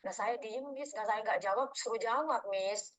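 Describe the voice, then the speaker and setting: A woman's voice: a little high, normal speed, rough recording. A woman calling for advice who rambles through explanations, deferentially ending nearly every phrase with "Miss". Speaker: caller, domestic worker abroad. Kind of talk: phone call asking for advice.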